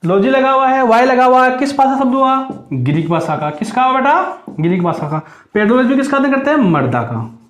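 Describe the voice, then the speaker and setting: A man teaching an exam-prep lesson, drilling students with repeated questions that rise and answers that drop low. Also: expressive, a little fast. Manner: asks high and answers low. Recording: echoey room.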